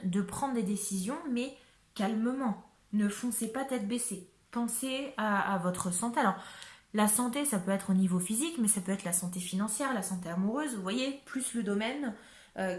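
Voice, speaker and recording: Chatty woman reading tarot, echoey room. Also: mid-range voice. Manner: chatty, hesitant, many fillers, checks in with viewers. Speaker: tarot card reader. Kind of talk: casual tarot reading to camera.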